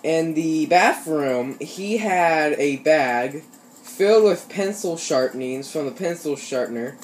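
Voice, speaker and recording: Shooter game sounds fill the background of this noisy home recording, where an Ohio gaming YouTuber in his teens or early twenties chats over gameplay. His voice sits on the high side, animated but slow, and his casual stories are slangy and loaded with swearing.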